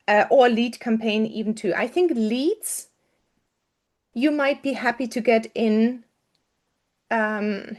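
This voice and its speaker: A woman's voice: a little high, a little mellow. A woman coaching students through an online marketing lesson, talking casually with frequent fillers and restarts.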